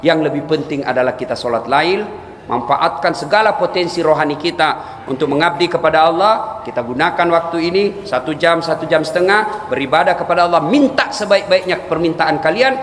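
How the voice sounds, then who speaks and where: A male preacher giving a sermon in an animated, storytelling manner, often addressing his listeners directly. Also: a little high, a little fast, a little hiss or hum. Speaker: Islamic preacher. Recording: echoey hall, faint ambience.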